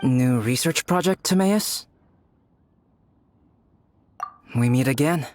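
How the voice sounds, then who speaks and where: A man plays a young scholar in an anime game, calm and composed with a mid-range voice. He is polite, measured and quietly teasing. Music runs behind him. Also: mid-range voice, close to an everyday voice. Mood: composed greeting. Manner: measured, polite, unhurried, articulate. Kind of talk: anime-style video game voice acting.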